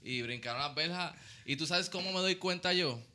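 Bright-voiced Puerto Rican man telling stories. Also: a little high, moderate pace. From Puerto Rico. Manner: storytelling, heavy swearing. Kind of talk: casual chat.

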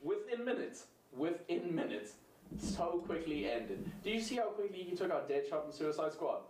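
Emphatic man, slightly high, roomy sound. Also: lively intonation, normal speed, darkish tone. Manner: emphatic, repeats points for effect. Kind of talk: casual chat about comics and films. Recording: roomy, distant mic, faint noise.

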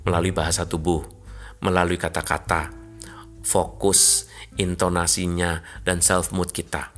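A man preaching a sermon in a calm, measured, explanatory way to his congregation. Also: sits low.

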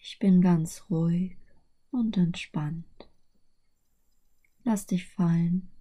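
A woman narrating a guided sleep meditation in a soft, breathy, soothing voice that is often hushed close to a whisper. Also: fairly low pitch, fairly even intonation, drawn-out words.

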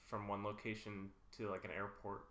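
A man's voice: lowish voice, completely flat delivery, moderate pace, a bit bright, roomy sound, slight background noise. A man co-hosting a film podcast, chatting casually and with strong opinions, trailing off into fillers. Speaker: podcast co-host.

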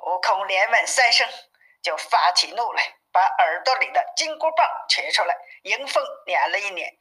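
Bright-voiced woman reading a story. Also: medium pitch. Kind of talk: simplified classic novel reading. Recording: narrow phone-like sound.

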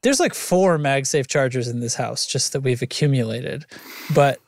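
A man's voice: mid-range voice, lively intonation, normal speed, creaky, a little hiss or hum. A man in his thirties co-hosting a podcast, chatting casually and rambling through jokey stories. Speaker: podcast co-host. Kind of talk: casual chat.

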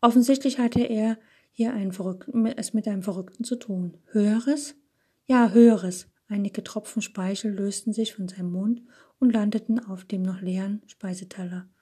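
A woman reading a story aloud in a soft, half-whispered way. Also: mid-range voice, fairly even intonation, normal speed, breathy edge. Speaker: audiobook reader. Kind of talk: scripted narration.

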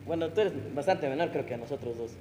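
A man's voice: a little high, expressive, quick pace, long reverb tail, crowd noise. Laid-back man hosting a chat. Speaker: podcast host asking questions. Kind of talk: casual chat.

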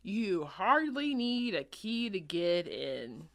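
A woman's voice: mid-range voice, sing-song, takes it slowly. A woman voicing a nervous boy ghost-hunter who stammers and shakes, reading a storybook aloud. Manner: shaky, stammering.

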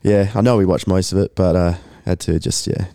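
Dark-voiced, slightly hoarse Australian man. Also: low voice, steady tone, brisk, dry recording, studio quality. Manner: rambling, chuckling banter. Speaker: podcast co-host. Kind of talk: casual sports podcast chat.

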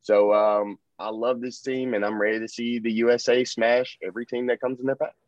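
A man's voice: mid-range voice, level tone, fairly quick, no echo. A man talking basketball in a casual sports chat, upbeat and full of hype with plenty of fillers. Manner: enthusiastic, hyping, trails off with fillers. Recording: dull, dry lo-fi sound.

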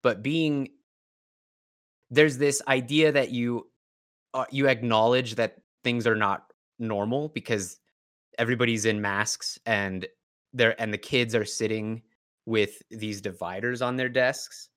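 A tired man, slightly hoarse from yelling, hosting a podcast in casual chat. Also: mid-range voice, steady tone, a little slow. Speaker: podcast host.

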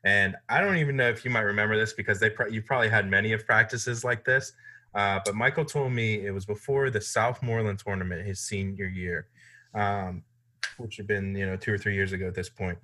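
A man's voice: lowish voice, fairly quick, bright, forceful tone. A man hosting a casual chat, asking questions in a loose, talkative way. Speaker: host.

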